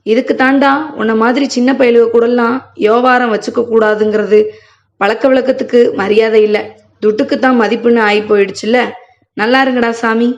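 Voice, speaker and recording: A woman's voice: a little high, steady tone, moderate pace, natural voice. A woman reading as an angry older butcher. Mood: gruff, scolding. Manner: gruff, scolding, bitter. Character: angry older village goat butcher, a man. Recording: muffled lo-fi recording.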